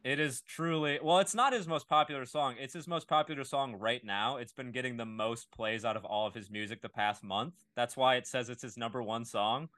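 A man co-hosting a comedy podcast, chatting casually with loose, laughing banter and drawn-out fillers. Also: mid-range voice, sharp tone, dry recording. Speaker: podcast co-host.

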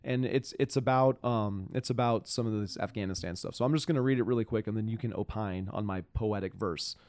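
A man hosting a casual political podcast, frustrated and profane, talking in halting bursts full of restarts. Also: fairly low pitch, darkish tone, dry recording, clean studio sound. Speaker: podcast host.

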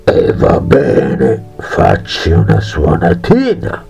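A man voicing a brutish bandit chief in a fairy tale, deep and gruff. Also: huge pitch swings, takes it slowly, a little mellow, soft background music, heavily acted.

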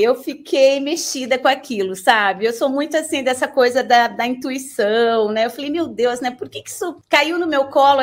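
A woman's voice: high voice, a bit bright. A middle-aged woman from Brazil, a university professor telling her career story in an interview, chatty and often adding tag questions.

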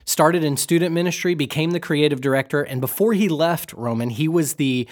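A man's voice: fairly high pitch, fairly quick. A young adult man co-hosting a podcast in casual, upbeat, joking chat. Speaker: podcast co-host.

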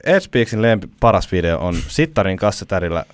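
A man rambles through a casual podcast chat, joking and trailing off into fillers. His voice sits on the low side but moves around a lot. It is recorded close and dry. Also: sing-song, clear, resonant tone, no echo. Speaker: podcast guest.

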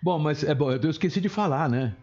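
A man's voice: on the high side, a little fast, darkish tone. A man hosting a live show, teasing his co-host in a joking, playful way. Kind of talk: joking live broadcast chat. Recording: dull lo-fi broadcast audio.

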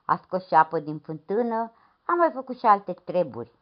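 Woman reading a folk tale, really animated swoopy voice, dull lo-fi sound. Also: lowish voice. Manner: expressive, dramatic. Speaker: storyteller. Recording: dull lo-fi recording.

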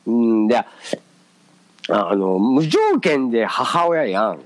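A man's voice: medium pitch, slow, low-quality recording. A man with a Kansai accent, telling a personal story in casual chat, hesitant with many fillers. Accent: Kansai Japanese. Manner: animated storytelling. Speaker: podcast co-host.

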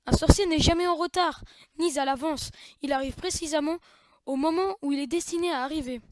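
A woman's voice: high voice, fairly quick, darkish tone, no room sound, lightly acted. A woman putting on the voice of an old, wise male wizard headmaster for a joke. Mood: solemn. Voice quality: put-on old man's voice. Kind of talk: joke impression in a home show.

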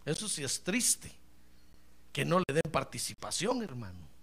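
A man preaching a sermon as pastor. He talks straight to the congregation and swings from quiet asides to shouted praise. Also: fairly high pitch, huge pitch swings, a little slow, slightly rough.

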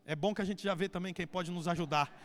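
A man's voice: high-pitched, fairly even intonation, fast, soft background music. A man with a Brazilian accent preaching a sermon as pastor, pressing the congregation with emphatic rhetorical questions. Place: church hall. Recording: long church hall reverb.

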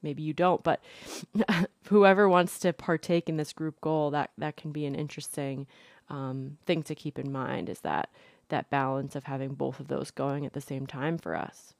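A woman's voice: sits low, flat delivery, normal speed, gravelly, dry recording, studio quality. A young woman hosting a podcast solo, talking in a casual, informal, conversational way. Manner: informal, conversational, hedging with "like" and "you know". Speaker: podcast host and mental health therapist. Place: indoors, temporary room with little insulation.

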